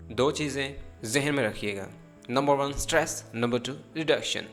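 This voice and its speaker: Slow, deliberate male pronunciation teacher. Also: mid-range voice, fairly bright tone. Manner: slow and deliberate, stretching out demonstration words; switches into careful, drawn-out English for examples. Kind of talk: spoken language lesson.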